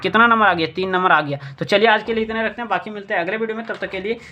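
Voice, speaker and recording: A man's voice: sits high, rapid-fire, bright, forceful tone, lo-fi sound. A male maths teacher from India explaining a board lesson step by step, asking himself questions and repeating the key points.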